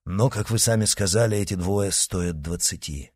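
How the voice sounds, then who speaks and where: A man's voice: sits low, moderate pace, husky. Man doing a grave, solemn noble count. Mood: calm. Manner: calm, solemn. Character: grave, noble older male swordsman count.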